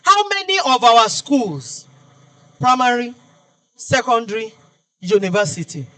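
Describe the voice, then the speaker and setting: Nigerian male lecturer, very high and bright voice, emphatic repetitive oratory. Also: big pitch swings, unhurried, poor audio. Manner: emphatic oratory with repeated phrases. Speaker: guest lecturer. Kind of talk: formal public lecture.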